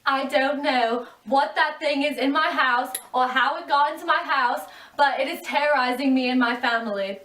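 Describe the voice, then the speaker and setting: Anxious, halting mother played by a woman, high and loud, echoey room. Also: a little hiss or hum. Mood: distressed. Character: frightened mother, middle-aged woman. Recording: roomy echo, far from mic.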